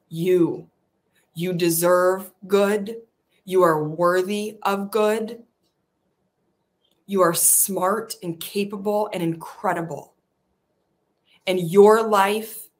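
With a lowish voice, a woman guides an affirmation meditation, speaking softly and soothingly in slow, repetitive phrases.

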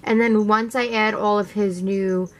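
A young woman giving a relaxed, chatty DIY tutorial with lots of filler words, sitting on her living-room floor and recorded by a camera a few feet away. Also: medium pitch, unhurried, rough recording. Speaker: pet care vlogger.

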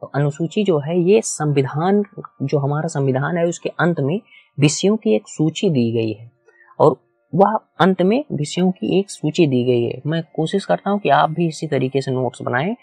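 A man's voice: a little high, lively intonation, normal speed, gravelly, a little mellow, breathy edge, soft background music. A man teaching a whiteboard lecture, explaining step by step, repeating key points and asking the class questions. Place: small room with a whiteboard.

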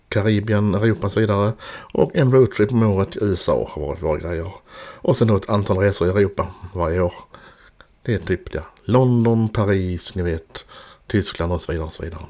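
A man's voice: fairly low pitch, darkish tone. A man in his fifties from Sweden narrating a voice-over about his life and travels in a chatty, self-mocking way. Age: 50s. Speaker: vlogger.

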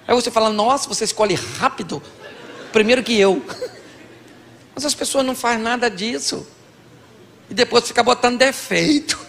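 Gravelly bright-voiced Brazilian pastor preaching. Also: male voice, high voice, in a large hall, slight background noise. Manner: acts out both sides of couples' dialogues, jokey. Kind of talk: comic sermon on marriage. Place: large church hall with audience.

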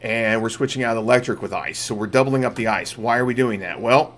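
With game music behind him, a middle-aged streamer and host talks viewers through his gameplay in relaxed live commentary. His medium-pitched voice is a bit bright and fairly quick, with a little hiss or hum in the recording.

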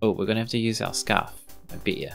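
A man commentates casually on a game with joking asides. His voice is low and a little creaky, over quiet game music. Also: fairly even intonation, fast talker. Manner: laid-back, joking asides. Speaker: gaming video host. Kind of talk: casual let's play commentary.

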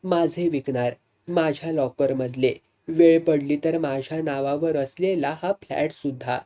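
A woman's voice: sits low, fairly even intonation, a little slow, mellow. A woman voicing a proud, firm older sister in a read-aloud story. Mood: stern. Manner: firm, stern.

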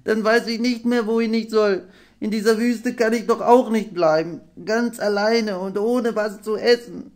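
A squeaky little half-dragon. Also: male voice, steady tone, measured pace. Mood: tearful pleading. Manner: squeaky, pleading. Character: small frightened half-dragon, male, tearful and eager. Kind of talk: audiobook character voice.

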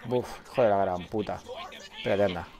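A man's voice: deep voice, fairly quick. A man from Spain with a Spanish accent, streaming a game live, swearing often and chatting with his viewers. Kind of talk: live gameplay commentary.

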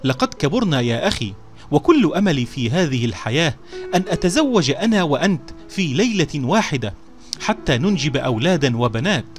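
A proud elder vizier, quick to anger and stern in his declaiming, as a storyteller puts him on. The pitch climbs higher and lively when he is heated, and the voice grows loud. A faint bed of music plays behind him in this storybook telling. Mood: boastful.

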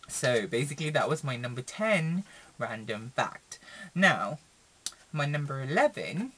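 Young guy vlogging on his webcam in his room, rambly and chatty, lots of ums, voice jumps up and down. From Philippines. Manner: chatty and rambling, many fillers and restarts, expressive pitch swings. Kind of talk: casual chat to camera. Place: small room indoors.

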